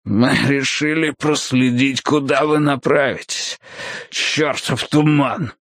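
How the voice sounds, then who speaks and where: A menacing male gunman from an audiobook thriller, voiced by a man, rasping and breathless, his strained voice pushed up high as he snaps out commands. Each phrase comes out hoarse, as if air is running short, and he sounds like he is fighting his own chest to keep talking. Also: fairly even intonation, takes it slowly, a bit bright, dry recording, studio quality. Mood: gruff. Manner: barking orders, gasping between words. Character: wheezing menacing male thug with a gun.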